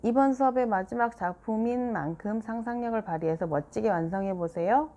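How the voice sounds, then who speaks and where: A woman's voice: fairly high pitch, fairly quick, dark tone, voice pushed up, natural voice. A woman reading a children's book aloud and voicing a cheerful teacher making polite announcements to a class.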